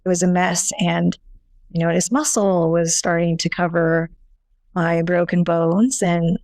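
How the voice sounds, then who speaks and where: A woman's voice: on the low side, little pitch movement, a little mellow, dry recording. Earnest woman telling her story, dry sound. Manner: earnest, halting with frequent restarts. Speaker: guest. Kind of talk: personal testimony in an interview.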